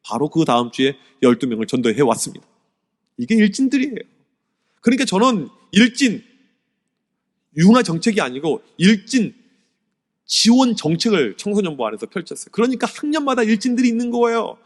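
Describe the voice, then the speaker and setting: Male pastor, fairly high voice, lively storyteller, church hall reverb, seminar talk to teachers. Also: fairly quick. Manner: animated storytelling, swings from loud to hushed. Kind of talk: sermon-style teacher seminar lecture. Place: church sanctuary.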